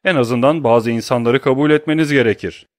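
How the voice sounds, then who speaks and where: A man's voice: mid-range voice, a little fast, no room sound, studio quality, pitched above the performer's own voice, close to an everyday voice. A man reading an audiobook who voices a cold, grimly furious young nobleman, talking in clipped, menacing tones.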